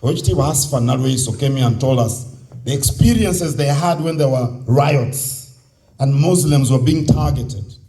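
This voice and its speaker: A man's voice: medium pitch, normal speed, mellow. A man with a Ugandan accent giving a motivational public speech, exhorting listeners with repeated key phrases and rhetorical questions. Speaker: speaker at a youth convention. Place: live on stage at a convention.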